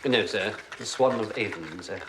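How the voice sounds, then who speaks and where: An actor playing a formal, unflappable gentleman's valet who speaks in a measured, deferential way. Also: on the low side, very noisy, natural voice.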